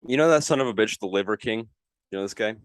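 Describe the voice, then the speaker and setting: A man's voice: fairly low pitch, fast talker, clear, resonant tone, no room sound. A man co-hosting a casual podcast, telling rambling stories with wry sarcasm. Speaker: podcast co-host. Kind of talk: casual chat.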